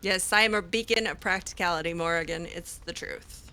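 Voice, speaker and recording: A woman roleplays a curious young mage in casual, in-character chat, hesitant and peppered with ums and restarts. Her voice is fairly low and steady, a little fast, and bright with a forceful edge.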